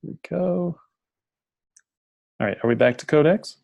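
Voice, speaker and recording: Gravelly man on a video call. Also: fairly high pitch, lively intonation, darkish tone, dry recording. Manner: halting, restarts his phrases often. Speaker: program coordinator presenting an information session. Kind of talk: presenting to an online audience.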